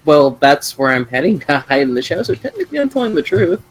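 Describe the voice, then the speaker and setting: A man with a slightly high, animated voice plays a tabletop game. He chats casually in and out of character over music. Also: quick pace, poor audio. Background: background music.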